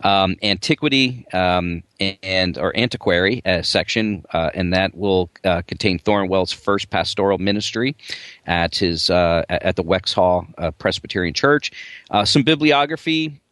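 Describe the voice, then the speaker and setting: A man with a New Jersey accent, chatting casually on a podcast as a journal editor, halting with many fillers and restarts. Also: low voice, a bit bright, dry recording.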